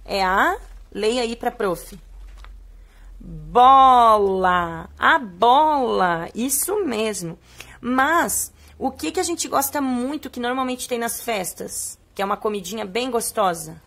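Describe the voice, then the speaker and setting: A young adult woman teacher with a Brazilian Portuguese accent, reading a poem aloud and explaining words to young children, stretching key words slowly in a sing-song way. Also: a little high, fairly bright tone.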